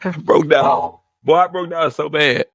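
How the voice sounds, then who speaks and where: A man vlogging tells an emotional personal story, at times close to tears, speaking frankly and with profanity while stumbling over and repeating words. His voice is a little high and his pace measured.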